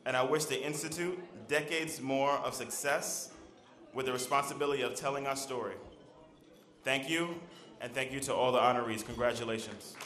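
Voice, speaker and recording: A man speaking formally and earnestly to an awards ceremony audience, his voice a plain middle pitch. The hall adds a clear echo around his words. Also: normal speed, fairly bright tone. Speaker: government official giving remarks. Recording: echoey banquet hall.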